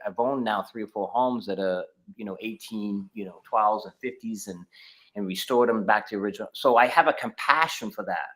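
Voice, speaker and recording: The recording is low quality, carrying the pushed, bright, medium-pitched voice of a middle-aged man from New England. With his Boston accent, he tells long stories as a podcast guest in casual chat, rambling and restarting frequently.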